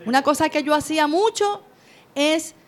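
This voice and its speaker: A woman's voice: high-pitched, moderate pace. A middle-aged woman giving a conversational talk on parenting from slides, often checking in with "¿verdad?". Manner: presents from slides. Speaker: parenting educator.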